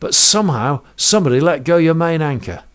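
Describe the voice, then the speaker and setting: A man voicing a male harbour master who reports the news in a brisk, matter-of-fact way. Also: fairly high pitch, lively intonation, a bit bright, clear, resonant tone, pitched above the performer's own voice.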